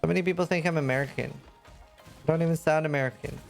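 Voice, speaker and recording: A man's voice: on the high side, fast talker, vocal fry, faint music behind. A man from Norway, a game streamer rambling in casual chat, full of fillers and restarts.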